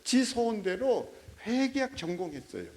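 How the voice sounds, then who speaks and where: A middle-aged man preaching a sermon as a pastor, telling stories with animation and prodding his listeners with quick rhetorical checks. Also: sits high, big pitch swings, a little mellow.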